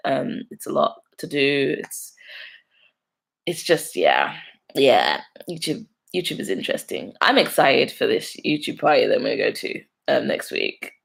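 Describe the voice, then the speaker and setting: Her voice is low and gravelly, a bit bright, with a breathy edge. She's a young Londoner with a London accent hosting a live stream, chatting casually and laughing often as she reads out viewer comments and answers them.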